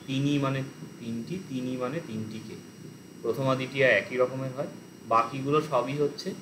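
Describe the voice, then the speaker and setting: A man teaching an online language lesson, explaining grammar and reciting word forms slowly. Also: mid-range voice, noisy background.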